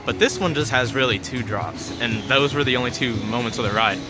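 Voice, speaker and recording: A man's voice: mid-range voice, fairly quick. A man vlogging casually outdoors at a theme park, rambling and thinking aloud into a handheld camera. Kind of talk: casual vlog chat to camera. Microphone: handheld camera at arm's length. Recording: loud music and outdoor park noise behind.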